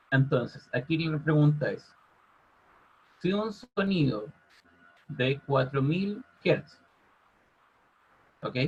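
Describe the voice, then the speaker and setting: A man teaching a physics class over a video call, constantly checking in with his students by asking if it's clear. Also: fairly high pitch. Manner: checks in with "ok?" after nearly every phrase. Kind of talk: online class explanation. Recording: muffled lo-fi audio.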